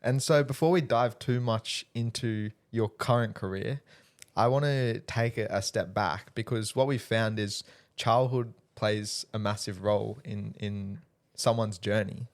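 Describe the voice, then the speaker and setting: A man co-hosting a podcast and asking the guest measured, prompting questions. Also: on the low side, fairly even intonation. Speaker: podcast co-host. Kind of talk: interview questions.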